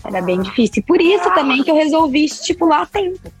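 A woman, a podcast guest telling her story in an expressive, chatty way with lots of tag questions. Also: sits high, a little fast, over loud music. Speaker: podcast guest, breastfeeding consultant. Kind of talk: casual interview chat.

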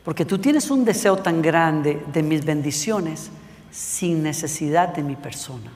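A man voicing God as a calm, patient presence speaking quietly and lower to a young believer. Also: a little slow, in a large hall. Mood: calm, instructing.

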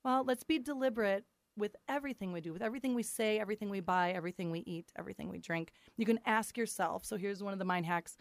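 A woman on a talk show earnestly sharing wellness tips, gentle and full of restarts. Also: mid-range voice, quick pace, no echo. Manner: earnest, gentle advice-giving with many restarts. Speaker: guest wellness coach. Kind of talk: casual talk show chat.

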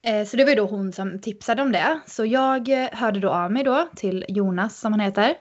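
A woman guest on a podcast, telling a story in an animated, casual way with many fillers. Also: medium pitch, dull audio.

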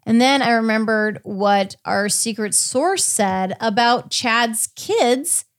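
This woman's voice runs on the high side with lively intonation and a slow delivery as she hosts a podcast, casually recapping a court case with many hesitations and self-corrections. It's clean studio sound without echo.

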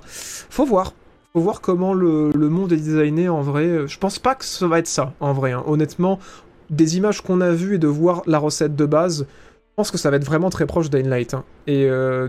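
A man's voice: fairly high pitch, brisk, darkish tone. A young man with a French accent, chatting casually on a live stream, reading the chat and hesitating with many fillers.

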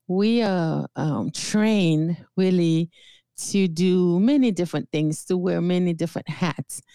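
Middle-aged woman therapist from Haiti, unhurried and reflective, full of pauses and restarts. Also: on the low side, dark tone, no room sound. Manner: thoughtful, with frequent fillers and restarts. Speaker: guest therapist. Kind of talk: interview conversation.

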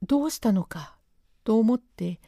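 A woman's voice: on the high side, lively intonation, a little slow, warm tone, no room sound. Woman telling a classic tale, dry and close. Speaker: storyteller. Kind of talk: traditional comic storytelling narration.

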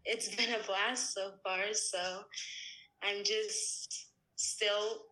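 Twenties woman guest, unhurried and casual, bright tone. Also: medium pitch, low-quality recording. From Ghana. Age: 20s. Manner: relaxed, easygoing, with fillers and laughs. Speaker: podcast guest. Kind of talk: casual interview talk.

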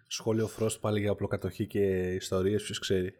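A man's voice: lowish voice, little pitch movement, darkish tone. A man co-hosting a casual discussion podcast, thoughtfully musing aloud and chiming in with short agreements. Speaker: podcast co-host.

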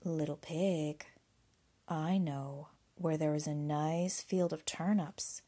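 A woman voicing a big bad male wolf in a children's storybook, menacing and sly, with drawn-out, coaxing words. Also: deep voice, fairly even intonation, mellow, slightly rough, voice pushed down, heavily acted.

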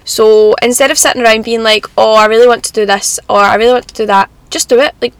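A woman's voice: a little high, steady tone, fast, smooth, no echo. A young Scottish woman giving casual motivational advice in an upbeat, encouraging, chatty manner, like a self-help vlogger. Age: young adult.

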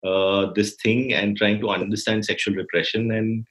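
A man's voice: on the low side, little pitch movement, normal speed, a bit bright. A man with an Indian accent in reflective conversation, searching for words and repeating phrases as he thinks. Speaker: filmmaker.

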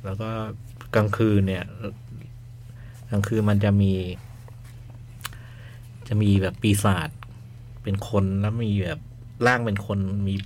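A man's voice: fairly low pitch, level tone, takes it slowly, pauses often, a little mellow, slight background noise. A man in casual film chat, retelling a plot in a rambling way that repeats words. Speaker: film reviewer.

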